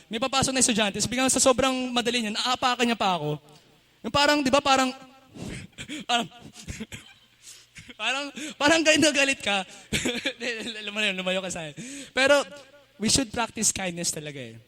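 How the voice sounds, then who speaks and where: A man's voice: very high-pitched, normal speed, pushed and bright. A young man with a Filipino accent giving a casual, chatty youth sermon at a church service, laughing often and switching between Tagalog and English. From Philippines. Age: young adult. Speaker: youth speaker.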